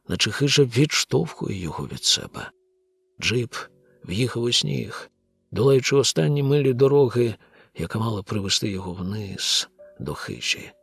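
Male audiobook narrator, measured and grave; husky timbre, faint music underneath. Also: medium pitch, no room sound.

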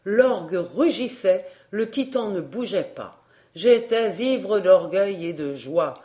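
A woman narrating an audiobook of a classic tale. She reads slowly and deliberately in a mid-range voice. Her storytelling is measured and expressive. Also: mid-range voice.

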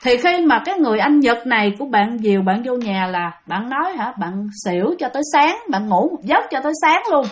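A woman's voice: on the high side, big pitch swings, brisk, hardly any pauses. A woman narrating a ghost story in a chatty way, talking straight to her listeners. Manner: chatty, addresses listeners directly.

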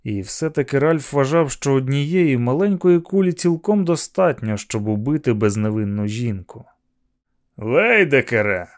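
A man reading a novel aloud as an audiobook narrator, in a steady, measured manner. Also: mid-range voice. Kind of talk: scripted narration.

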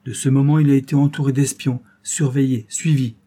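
A wealthy old father from a storybook, grave and earnest, lecturing his daughter with protective worry, read by a man in his own voice. The voice is mellow and slightly husky. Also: mid-range voice, little pitch movement, brisk, close to an everyday voice. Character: anxious older wealthy banker, protective father.

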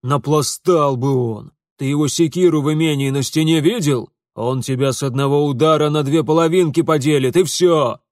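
A man's voice: on the high side, normal speed, few pauses, darkish tone, no room sound, studio quality, natural voice. A man voicing a portly, enraged noble father who bellows and blusters in an audiobook. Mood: furious. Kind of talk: audiobook character voice.

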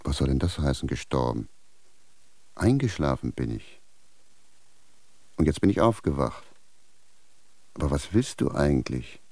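An actor playing a confused, blunt village shoemaker who speaks plainly and indignantly in a radio drama. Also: male voice, very deep voice, big pitch swings, measured pace, vocal fry, long pauses, mellow, dry recording, heavily acted. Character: bewildered male village shoemaker, blunt, stubborn.

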